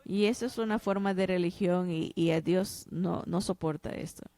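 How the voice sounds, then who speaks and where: A woman's voice: lowish voice, normal speed, dark tone, no room sound. A woman interpreting a pastor's sermon, preaching with passionate emphasis. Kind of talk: dubbed sermon.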